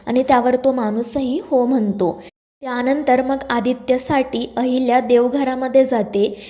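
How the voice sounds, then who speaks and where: A woman reading a scripted recap of a TV serial episode in a steady storytelling manner. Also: high voice, a little slow. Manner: steady read-aloud storytelling. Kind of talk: scripted narration.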